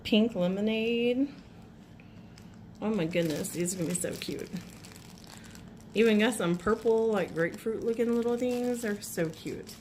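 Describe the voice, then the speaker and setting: Woman vlogger, slow and chatty, slightly rough from a cold, faint hiss behind her. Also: medium pitch, darkish tone. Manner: gushing, chatty, clears throat often. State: has a cold, voice a little rough. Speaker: nail vlogger. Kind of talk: casual unboxing chat. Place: home.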